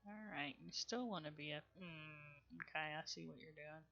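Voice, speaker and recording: A woman's voice: deep voice, steady tone, moderate pace, vocal fry, a bit bright, highs cut off, slight background noise. A woman with a Southern US accent, streaming a game in casual commentary, chatty and rambling, muttering to herself and laughing often.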